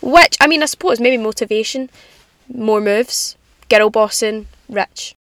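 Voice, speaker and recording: A woman's voice: fairly high pitch, unhurried, dry recording. Chatty young woman podcasting in a rainy car. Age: young adult. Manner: confiding, animated girly slang with self-deprecating humour. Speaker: podcast host. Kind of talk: casual chatty solo podcast. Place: inside a parked car in the rain. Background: rain on the car.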